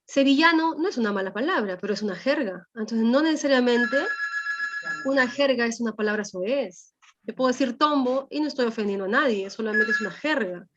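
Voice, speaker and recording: Speaking briskly in a slightly high voice, a woman teacher walks her class through a language lesson and keeps checking in with tag questions. Slight background noise sits under the dull, lo-fi recording.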